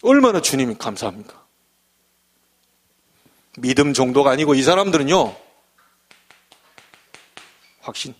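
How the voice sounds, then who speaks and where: A middle-aged man preaching a sermon as a pastor, animated and acting out the voices he quotes. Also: medium pitch, unhurried, pauses often.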